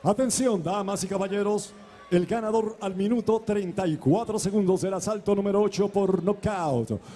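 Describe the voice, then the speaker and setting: A man ring-announcing a fight in a booming lucha libre announcer manner, formal and bilingual, stretching out shouted names. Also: fairly quick.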